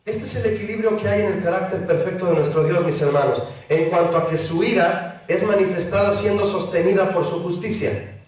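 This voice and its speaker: A pastor preaching a sermon, acting out the voices of a pleading child and a parent. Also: male voice, sits high, a little fast, darkish tone. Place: church hall. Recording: very echoey hall, mic far off.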